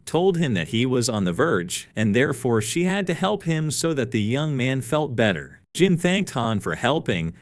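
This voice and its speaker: Male recap narrator, animated intonation, dry close sound. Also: medium pitch, no room sound. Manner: reads quoted lines the same as the narration, with no put-on voices. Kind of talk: flat read-aloud story recap.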